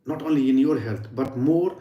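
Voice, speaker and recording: A yoga and sound healing teacher gives an informal, earnest spiritual talk on sound healing, often sinking to near whispers for emphasis. His medium-pitched voice moves at a moderate pace, and the lo-fi recording sounds roomy.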